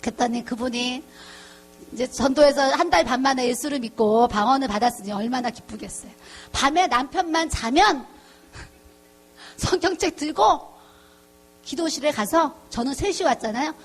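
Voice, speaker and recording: With a high, animated voice at normal speed and slight background noise, this middle-aged pastor shares a testimony sermon. Her storytelling is chatty, full of laughter, and she acts out how the people in her story sounded.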